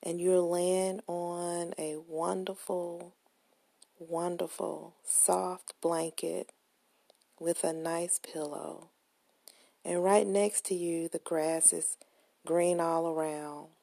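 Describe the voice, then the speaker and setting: A woman leading a guided relaxation meditation with gentle, soothing, unhurried instructions in a soft, breathy, husky voice, close to the microphone. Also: fairly low pitch, level tone, dry recording.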